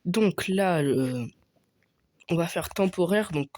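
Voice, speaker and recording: A man's voice: high voice, lively intonation, slow, darkish tone, dry recording, clean studio sound. A young man giving casual commentary over his own gameplay, thinking aloud with many hesitations and fillers. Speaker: gaming youtuber.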